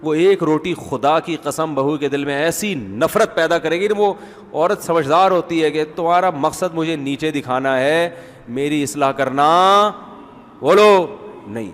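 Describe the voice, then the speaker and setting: A man's voice: a little high, fairly bright tone, big-room sound. A middle-aged man giving family advice in an informal, teasing talk, often acting out the people he describes. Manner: conversational, teasing, acts out quoted voices.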